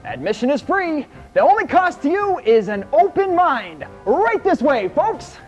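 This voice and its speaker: Flamboyant carnival barker played by a man, lively sing-song patter, faint music underneath. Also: unhurried, heavily acted. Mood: showy. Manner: booming, showy announcer patter. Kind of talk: scripted educational film.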